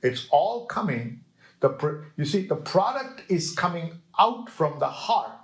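A man's voice: on the high side, very animated. A man preaching a sermon with emphasis, quoting scripture and checking in with his listeners. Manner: emphatic, slow, with call-and-response checks to the listeners.

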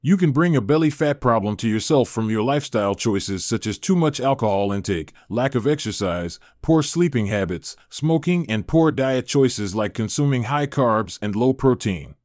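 A man's voice: mid-range voice, moderate pace, few pauses, dry recording. Man narrating a fitness script, dry sound. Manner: even, informative reading.

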